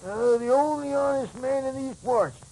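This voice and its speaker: An actor playing an indignant old prospector in a western drama, with a rough voice, an American accent and folksy, grumbling talk. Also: male voice, extremely high pitch, normal speed, dark tone, full character voice, low-quality recording. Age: older. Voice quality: husky, rough.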